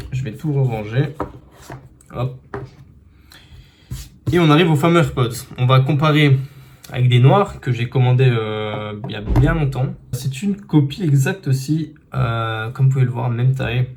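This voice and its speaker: A man's voice: mid-range voice, measured pace, pauses often, a little mellow, slight background noise. A man casually unboxing and reviewing earbuds, chatty with many fillers and restarts, filmed on a phone indoors. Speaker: tech reviewer. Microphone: phone camera.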